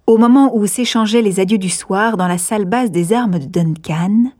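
A woman narrating a classic novel aloud in a measured, even storytelling manner. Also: medium pitch. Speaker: audiobook narrator.

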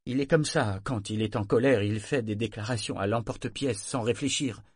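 A man reading the part of a sleepless widowed mother, speaking in a hushed, soft voice. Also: lowish voice, moderate pace, breathy edge, no echo, studio quality. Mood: pleading. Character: weary widowed mother, older woman, sleepless.

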